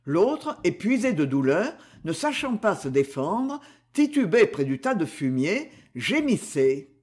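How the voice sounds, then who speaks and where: A reader narrates a classic novel as an audiobook, taking each phrase slowly. The voice is husky, with pitch that swings widely. The reading is expressive throughout.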